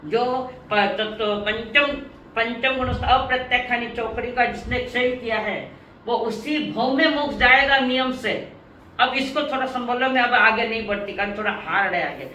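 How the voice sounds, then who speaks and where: A woman teaching a religious lesson to an online class. She speaks slowly and deliberately, repeats her points and calls on her students by name. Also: on the high side, pushed and bright, echoey room, recorded from a distance, slight background noise, poor audio.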